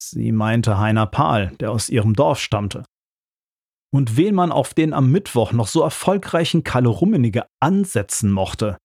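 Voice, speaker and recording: A man's voice: medium pitch, animated, measured pace, darkish tone, no room sound. A man narrating an audiobook with dry, ironic storytelling.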